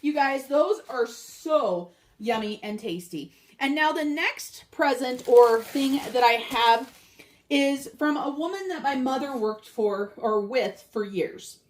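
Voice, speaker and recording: An older woman chatting casually as a vlogger, heartfelt and talking straight to her viewers. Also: fairly high pitch. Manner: chatty and heartfelt, addresses viewers as you guys. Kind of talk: casual chat.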